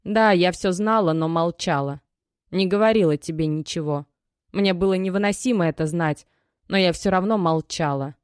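A woman's voice: on the low side, normal speed, a little mellow, no room sound, lightly acted. A woman reading an audiobook and voicing a desperate young mother whose dry, cracked voice trembles as she pleads and reproaches. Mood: tearful, reproachful. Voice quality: dry, cracked, tear-worn voice. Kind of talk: audiobook character voice.

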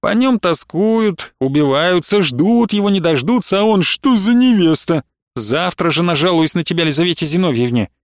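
Male narrator voicing a loud, jolly young merchant, raised pitch, dry booth sound. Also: animated, normal speed, no room sound. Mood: jovial teasing. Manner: loud, hearty, teasing. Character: boisterous jolly young merchant, teasing friend.

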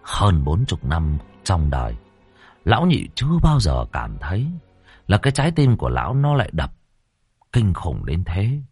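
A man's voice: sits low, wildly swooping pitch, normal speed, a little mellow, slightly rough, soft background music. A man narrating a comic ghost story in a dramatic, colloquial way.

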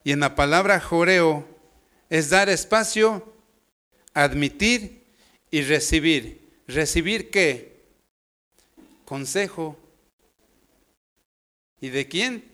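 Preacher guy, slow and easygoing, jokes around, smooth clear voice. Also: a little high, expressive, bright, forceful tone. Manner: homely, joking, storytelling. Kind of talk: informal sermon.

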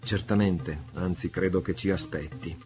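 A man voicing a courteous, middle-aged English lord in an audiobook, polite and brisk. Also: sits low, fairly even intonation, darkish tone, soft background music, close to an everyday voice. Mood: cordial.

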